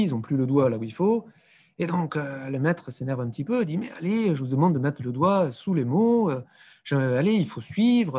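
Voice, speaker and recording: Man, primary teacher, warm mellow tone, slightly husky, hesitant with fillers. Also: medium pitch. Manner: hesitant, many fillers and restarts; acts out classroom exchanges. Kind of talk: explaining a classroom reading method.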